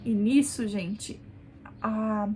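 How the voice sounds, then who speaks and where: A young woman vlogger casually telling a story to camera in an animated way, often calling out to her viewers and showing what she did. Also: medium pitch, extremely slow, background noise. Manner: animated, addresses viewers as "gente", demonstrates positions. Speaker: vlogger, new mother.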